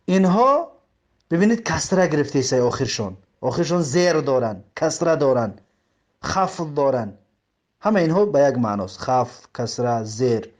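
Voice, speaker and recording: A man's voice: on the high side, very animated. A man with a Tajik accent teaches an Arabic grammar lesson, explaining step by step, repeating terms and giving examples. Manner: reads the Arabic text slowly, word by word.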